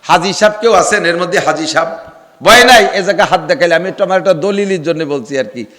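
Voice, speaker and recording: A male preacher gives a humorous sermon, teasing his listeners with rhetorical questions and sometimes rising to a shout. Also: high-pitched, quick pace, long reverb tail.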